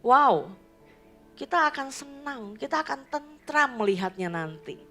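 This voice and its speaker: A woman pastor preaches in a church, telling stories straight to the congregation. Her voice is bright and forceful, with faint music underneath. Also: sits high, animated, unhurried. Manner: storytelling, mixing in English phrases, addressing the congregation. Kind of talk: sermon.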